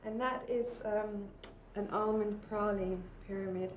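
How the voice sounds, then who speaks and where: A woman's voice: medium pitch, steady tone, a little slow, slight background noise. A woman chef and restaurant owner explaining her dishes plainly and matter-of-factly in a casual interview. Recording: roomy restaurant sound.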